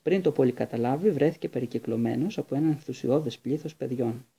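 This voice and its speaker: A man narrating a novel aloud in a measured storybook way, with small slips. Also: mid-range voice, creaky, warm tone, husky. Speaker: audiobook narrator.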